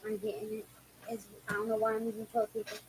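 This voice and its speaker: A woman's voice: mid-range voice, monotone, fast talker. A woman chatting casually as a livestream host, blunt and irritated, swearing freely. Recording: noisy amateur livestream recording.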